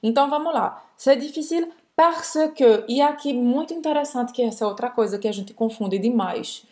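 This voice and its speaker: Higher-pitched Brazilian woman teaching French. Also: fairly even intonation, warm tone. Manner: explanatory, demonstrates pronunciation slowly. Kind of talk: conversational language lesson.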